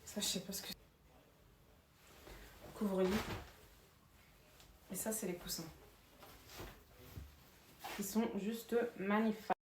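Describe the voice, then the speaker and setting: A woman's voice: medium pitch, steady tone, takes it slowly, long pauses. A young woman and new mother chatting casually to camera at home, with a slight accent and lots of fillers, calling her viewers girls. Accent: slight foreign accent in French. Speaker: vlogger. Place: at home, indoors. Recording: faint background noise, clicks.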